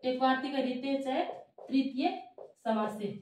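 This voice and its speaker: A woman with a high voice teaches a grammar lesson, slowly repeating each term as if she were dictating it. She sounds set back from the mic in a strongly echoing room. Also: fairly even intonation, a little mellow, a little hiss or hum. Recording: echoey room, voice from far off.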